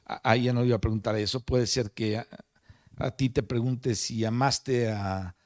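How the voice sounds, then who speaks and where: A man preaching in a relaxed, conversational way, telling a story and leaning on fillers and restarts. His pitch sits in an ordinary middle range for a man. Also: moderate pace. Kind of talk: sermon. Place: meeting room of a family support center.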